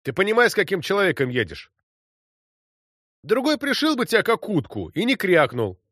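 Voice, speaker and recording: A teasing cavalry soldier who turns tender with his comrades, as a man acts him out. His voice sits a bit high and bounces around in pitch. The recording is dry and close. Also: wildly swooping pitch, moderate pace, a bit bright, dry recording, exaggerated voice. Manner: joking, then soothing and tender.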